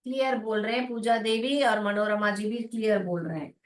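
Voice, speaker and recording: Woman, phonics teacher, unhurried and repetitive, echoey room, distant from mic. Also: mid-range voice, fairly even intonation. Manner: slow, repetitive, coaxing, calls students beta. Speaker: online English phonics teacher. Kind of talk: live class explanation to students.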